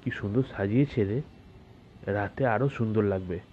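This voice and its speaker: A man's voice: fairly low pitch, moderate pace, warm tone, slight background noise, close to an everyday voice. An actor playing a mocking, skeptical young man among friends in an audio drama. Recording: tinny phone-like sound.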